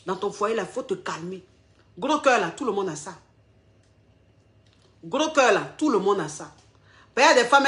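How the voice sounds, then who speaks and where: A woman's voice: medium pitch, fairly bright tone. A woman relationship coach giving marriage advice, emphatic and repeating each point twice, with pointed questions aimed straight at her listeners.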